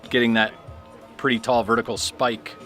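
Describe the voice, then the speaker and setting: A man calling a high school baseball game in a chatty, easygoing way. He is mid-pitched and self-deprecating, trading jokes with his partner between pitches. Faint music sits behind him. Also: little pitch movement, normal speed, sharp tone. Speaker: play-by-play announcer.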